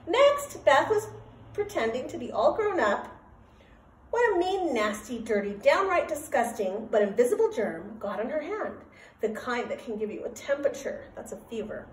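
A woman reading a children's storybook aloud as a teacher, in an expressive, emphatic, sing-song way. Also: a little high, moderate pace, a little hiss or hum. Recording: roomy echo, voice from a distance.

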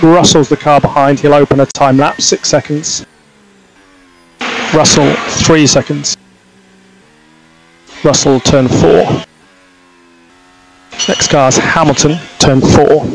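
A race engineer with a gravelly voice on the high side gives terse, procedural spotter callouts about traffic over team radio. The car-to-pit transmission is noisy.

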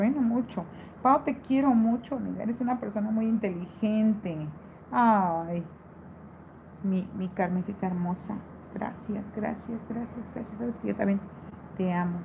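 A woman's voice: mid-range voice, vocal fry, warm tone, a little hiss or hum, rough recording. A woman hosting a casual live stream, reading viewer comments aloud and answering them in a playful, affectionate way. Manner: playful, teasing, laughs often.

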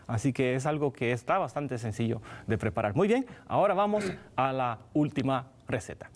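A man's voice: mid-range voice, expressive, normal speed. Man explaining a simple recipe. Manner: explanatory, addresses viewers directly. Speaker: cooking show co-host. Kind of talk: cooking demonstration. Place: TV studio kitchen.

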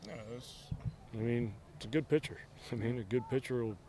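Outdoors at a night ballpark, a middle-aged man who coaches baseball handles a postgame interview with terse, blunt, matter-of-fact replies. His voice is mid-range and a little quick, with background noise around him.

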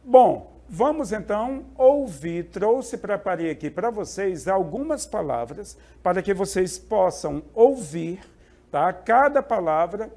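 Lively male teacher checking in often. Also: high voice. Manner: explanatory, checks in with "ok?" and "né?". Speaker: Spanish teacher. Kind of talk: classroom lesson.

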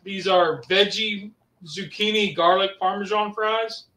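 High, bright man talking over a landline phone. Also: unhurried, reverberant, slight background noise. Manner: rambling, chatty, easygoing. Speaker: co-host of a live cooking stream. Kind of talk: casual live-stream chat.

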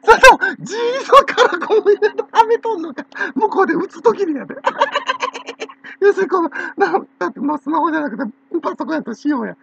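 A woman's voice: extremely high pitch, animated, fast talker, creaky, a bit bright, slight background noise. A woman with a Kansai accent rambling in a gossipy, teasing way and breaking into laughter again and again. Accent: Kansai Japanese. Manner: giggly, keeps breaking into laughter. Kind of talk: rambling casual monologue. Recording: dull lo-fi recording.

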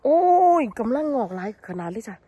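A woman with an Isan accent, vlogging excitedly while foraging outdoors in a forest, full of exclamations. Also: mid-range voice, fast, husky, no echo. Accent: Isan (Northeast Thai). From Thailand. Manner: exclamatory, excitable, lots of cries of delight. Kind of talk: excited foraging vlog chat.

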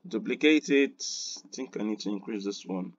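A man hosting a screen-recorded design tutorial, unhurried and thinking aloud with quiet muttered asides. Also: fairly low pitch, lively intonation, dull audio.

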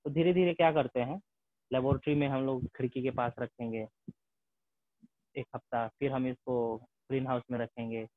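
A male teacher giving a classroom lecture, mixing English terms into his speech and checking in with tag questions. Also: medium pitch. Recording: tinny phone-like sound.

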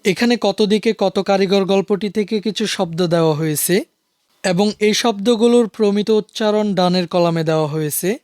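A male teacher calmly and steadily explaining a school textbook lesson to students. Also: sits high, moderate pace, clean tone, no room sound, studio quality.

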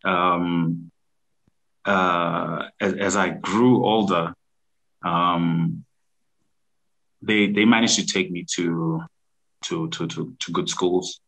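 A man in his thirties from Zimbabwe, a business founder telling his story over a video call in a halting, restarting way. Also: deep voice, steady tone, vocal fry, fairly bright tone, low-quality recording. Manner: halting, many restarts and fillers. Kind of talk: casual interview storytelling. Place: room at home, indoors.

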